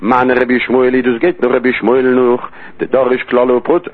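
A man's voice: mid-range voice, monotone, moderate pace, breathy edge. A man giving a Talmud study lesson, his phrases lifting and falling in a sing-song study cadence. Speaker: Talmud teacher. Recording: tinny phone-line audio.

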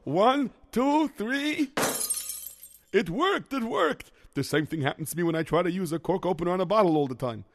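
A man's voice: high-pitched, lively intonation, moderate pace, dry recording, clean studio sound. A man doing a scatterbrained, flustered handyman. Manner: rambling self-talk, sprinkled with Yiddish exclamations. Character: bumbling, scatterbrained male handyman who locks himself out. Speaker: lunch driver. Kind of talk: children's comedy sketch.

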